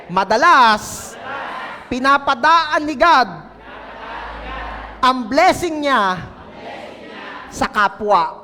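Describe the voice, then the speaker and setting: A man's voice: very high-pitched, lively intonation, extremely slow, long pauses, bright, forceful tone, some chatter behind, a little hiss or hum. A male pastor preaching a playful sermon and coaxing the congregation to answer, in a reverberant church hall.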